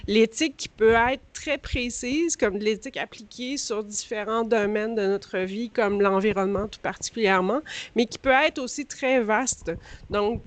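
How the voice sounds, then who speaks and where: A woman's voice: mid-range voice, no echo. A woman with a Quebec French accent and a slightly grating, allergy-scratched voice, speaking as a guest at a conference. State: voice strained by allergies. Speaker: guest speaker, director of a workforce organisation. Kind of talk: conference talk.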